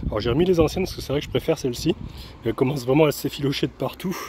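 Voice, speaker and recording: A man from France talks through his day outdoors for a travel vlog, his mid-range voice easy and chatty. He hesitates with small fillers and soft laughs as he holds the camera. Faint birds and open-air ambience sit quietly behind him. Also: medium pitch, racing, noisy background. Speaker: travel vlogger. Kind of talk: casual vlog narration. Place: outdoors, walking around a van and an old town.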